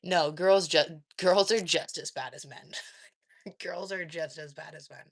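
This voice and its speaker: A woman with a deep, unhurried voice hosts a casual live stream. She reads the chat aloud, asks probing follow-up questions, and laughs and uses fillers often.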